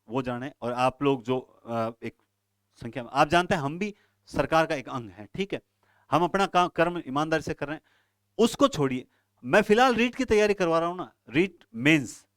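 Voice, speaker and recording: A man teaches an exam-prep lesson. He advises his students earnestly and directly. His voice sits a little high, sounds smooth and clear, and the recording is close and dry. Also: fairly bright tone, no echo.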